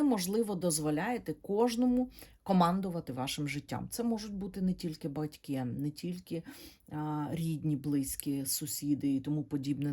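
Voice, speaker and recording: A woman with a deep, breathy voice reads tarot cards for her viewers. She speaks gently and haltingly, pausing to search for words, and keeps calling her listeners her dears. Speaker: tarot reader. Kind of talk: tarot reading to camera.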